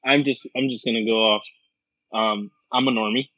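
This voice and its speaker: A man's voice: mid-range voice, fairly even intonation, normal speed. A man co-hosting a casual podcast over an online call, easygoing and hesitant. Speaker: podcast co-host. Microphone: voice chat over an online call. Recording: dull lo-fi mic.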